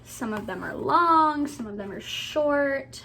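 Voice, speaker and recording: A woman's voice: sits high, lively intonation, slow, gravelly, bright, forceful tone, slight background noise. A young woman vlogging casually about books at home, chatty, with lots of fillers and laughter. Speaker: book vlogger. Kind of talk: casual vlog chat. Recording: echoey room.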